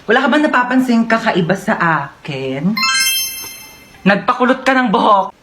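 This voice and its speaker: A woman's voice: a little high, very animated, moderate pace, music in the background. A woman performing short comedy skits in a playful, teasing way. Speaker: comedy skit creator. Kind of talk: comedy sketch acting.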